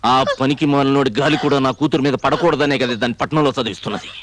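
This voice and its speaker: A man's voice: mid-range voice, fairly even intonation, very fast, natural voice. An actor playing a strict, protective middle-aged father who is stern with others and tender with his daughter. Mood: fatherly. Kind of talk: film dialogue.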